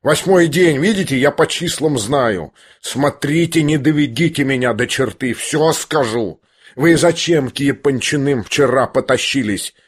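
A man's voice: medium pitch, measured pace, slightly rough. A man voicing a bitter, angry grown son who answers curtly and cuttingly. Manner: biting, curt.

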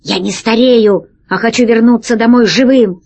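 A woman's voice: a little high, moderate pace, dry recording. A woman voicing a wary, scheming male rat pirate captain in a storybook reading, curt and raised above her narration. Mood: grumbling, wary. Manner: curt, grumbling, louder than the narration.

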